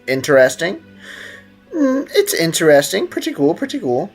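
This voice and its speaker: A man with a rather high voice and wildly swooping pitch streams a video game at a moderate pace, casually joking in slang, reading chat aloud and narrating his play. Game music plays behind him, and the recording sounds rough.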